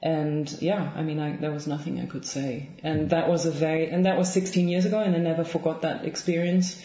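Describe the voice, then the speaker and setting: The speaker, a guest author in her thirties from Germany, has a low voice with little pitch movement and a German accent. She answers interview questions thoughtfully and softly, often pausing, saying um and starting over. It's recorded indoors in a bookshelf-lined home room, with a roomy, slightly dull lo-fi sound.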